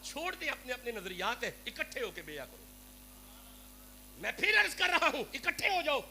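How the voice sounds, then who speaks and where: With a very high, sing-song voice, a Pakistani man with a Punjabi accent preaches a devotional Sufi sermon to a crowd. He pleads fervently, speaking straight to his listeners. Hum and noise run through the live recording.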